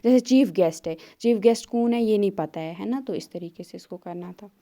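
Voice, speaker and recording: Mellow-voiced woman teacher, Indian English. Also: medium pitch. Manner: explains step by step, reads English questions slowly. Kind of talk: exam paper walkthrough lesson.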